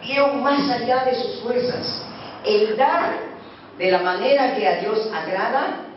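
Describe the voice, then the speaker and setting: A man preaching a sermon as pastor, swinging between loud emphatic lines and hushed ones. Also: very high-pitched, takes it slowly. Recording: echoey hall from far off, dull and noisy.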